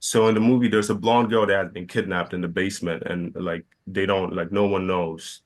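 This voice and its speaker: A young man from Ghana, a filmmaker being interviewed, talking in a halting way with many fillers and restarts. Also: sits low, fairly even intonation. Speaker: filmmaker guest. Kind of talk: casual interview.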